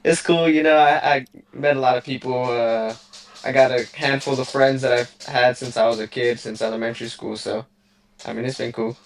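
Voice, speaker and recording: Over a remote call, a young Southern California boxer answers a casual interview in a laid-back, rambling manner packed with fillers. His voice is medium-pitched, fairly even in intonation and moderate in pace, with slight background noise behind it.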